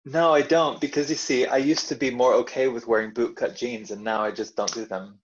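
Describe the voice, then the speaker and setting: A man from Dallas with a Texan accent, guesting on an advice podcast, easygoing and laughing softly. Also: medium pitch, fairly even intonation, a little fast, highs cut off. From Dallas, Texas. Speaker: guest agony uncle. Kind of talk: casual chat.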